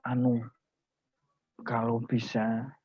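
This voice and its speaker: A man's voice: mid-range voice, monotone, slow pace, a little mellow, dull audio. A man voicing a poor male preacher who pleads, anxious and distressed, in a sermon story. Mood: pleading.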